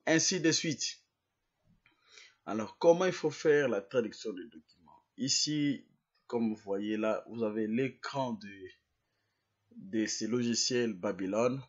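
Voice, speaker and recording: Hesitant man in a lo-fi software tutorial. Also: medium pitch, breathy edge. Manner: hesitant, repeats words while explaining. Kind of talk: screen-recorded software demonstration.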